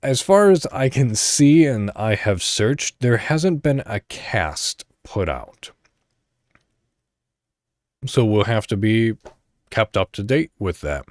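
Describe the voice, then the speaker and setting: Speaking slowly in a lowish, expressive, somewhat mellow voice, this man hosts a solo podcast in a relaxed, conversational style. He drifts into tangents and reads articles aloud at points, captured in clean, echo-free studio sound.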